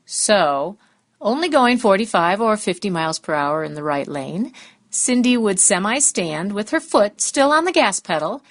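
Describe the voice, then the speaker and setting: A woman's voice: mid-range voice, fairly bright tone. Woman telling a road trip story. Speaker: tribute speaker, fellow bus driver. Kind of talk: anecdotal tribute.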